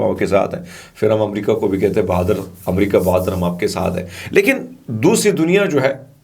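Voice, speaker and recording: A man from Pakistan giving conversational news commentary, chatty and digressive, full of asides and fillers. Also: medium pitch.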